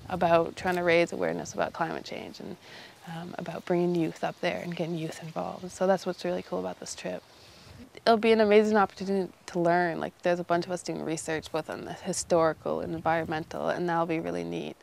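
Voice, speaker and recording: A young woman in her early twenties with a Canadian accent talks in a casual interview. Her voice sits fairly low and has a strong creak to it. She phrases things loosely and informally, as in everyday conversation. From Iqaluit, Nunavut, northern Canada. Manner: informal, loose phrasing with frequent "you know". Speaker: interviewee, young polar expedition member.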